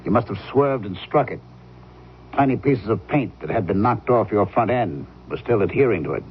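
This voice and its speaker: A dull, slightly noisy radio drama recording of a man playing a police detective. He is methodical and unflinching, laying out his accusations deliberately. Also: lowish voice, lively intonation, close to an everyday voice. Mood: methodical, accusing.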